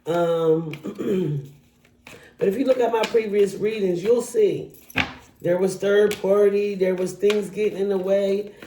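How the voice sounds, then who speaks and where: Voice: mid-range voice, steady tone, slow pace, mellow, a little hiss or hum. A tarot reader casually talking through a card spread, speaking straight to the viewer in a chatty way. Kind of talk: casual tarot reading to camera. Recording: echoey room.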